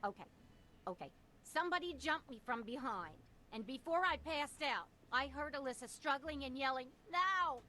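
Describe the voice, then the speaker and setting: A chatty receptionist in a video game cutscene rambles on in a bright, slightly sharp voice. She sits a little higher than most women and sounds flustered. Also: expressive, moderate pace, a little hiss or hum. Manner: rambling, talkative. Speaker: receptionist of the ghost-busting team.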